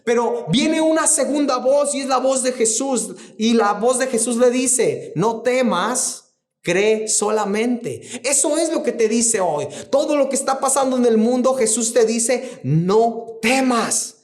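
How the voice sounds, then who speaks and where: A man preaching a sermon as co-pastor, fervent, repeating phrases and slowing down to stress quoted words. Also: very high-pitched, a little mellow.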